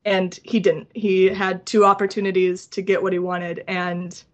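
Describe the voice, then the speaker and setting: A woman guest on a fan podcast, chatting enthusiastically in long excited runs. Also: lowish voice, moderate pace, highs cut off. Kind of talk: casual chat.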